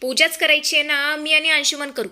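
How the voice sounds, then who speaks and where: A woman's voice: sits high, little pitch movement, fairly quick, pushed and bright, pitched above the performer's own voice. A woman voicing a showy, self-absorbed young bride who vlogs, chirpy and pushy. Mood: eager.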